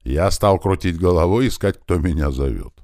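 A man with a very deep voice narrates a first-person audiobook. He tells the story in a lively, conversational way, with his pitch rising and falling a lot. The recording is dry and close. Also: moderate pace, dry recording.

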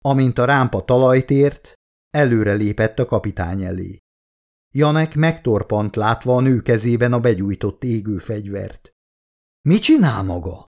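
A man reading his own novel aloud in a steady, dramatic audiobook narration. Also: mid-range voice.

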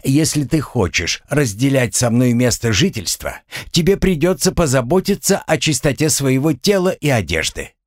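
A man doing a preachy, fastidious spirit guardian. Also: mid-range voice, sing-song, dry recording, studio quality, voice pushed up. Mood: lecturing. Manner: lecturing and condescending.

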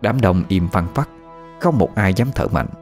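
A man narrating a first-person ghost story in an expressive, measured way. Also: low voice, faint music behind.

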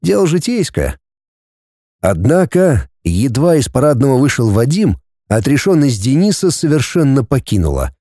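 A man reading a novel aloud as an audiobook narrator, in a steady storytelling manner. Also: medium pitch, no room sound, studio quality.

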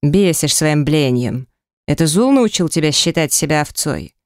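A woman voicing a dominant, mocking male beast shifter in an audiobook, with a slow, commanding, sneering delivery. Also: low voice, lively intonation, a little mellow, no room sound, clean studio sound. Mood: harsh.

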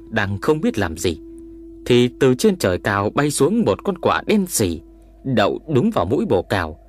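A man narrating a horror story in a dramatic, expressive reading. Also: fairly low pitch, slight background noise.

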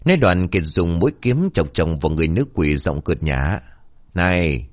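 A man narrating a comic ghost story in a lively, colloquial manner. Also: deep voice, a little fast.

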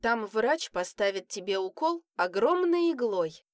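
A woman's voice: on the high side, very animated, unhurried, no room sound, pitched above the performer's own voice. A woman voicing a bossy, teasing older sister with a sly, taunting manner. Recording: dry close recording.

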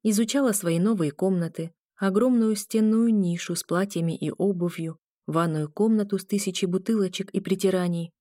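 A woman reading a first-person fantasy audiobook with wry, lively storytelling. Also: medium pitch, moderate pace, few pauses, no echo, clean studio sound. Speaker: audiobook narrator.

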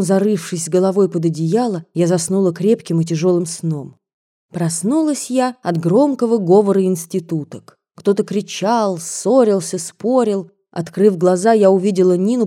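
A woman narrating a first-person story as an audiobook reader, calm and measured. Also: mid-range voice. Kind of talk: scripted narration.

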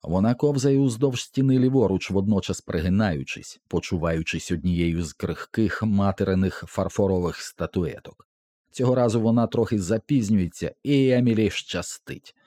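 Deep-voiced man narrating an audiobook. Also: normal speed, dry recording, studio quality. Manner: tense, expressive reading.

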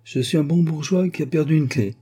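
A man's voice: fairly high pitch, a little fast, warm tone, husky, voice pushed up. A man reading an audiobook and voicing a polite, scheming middle-aged male manservant who speaks in a formal, composed way. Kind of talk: audiobook character voice.

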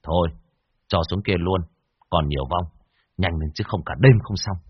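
A man's voice: sits low, moderate pace, lo-fi sound, a little hiss or hum, natural voice. A man voicing a harsh young male exorcist who interrogates and threatens a ghost. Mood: harsh scolding.

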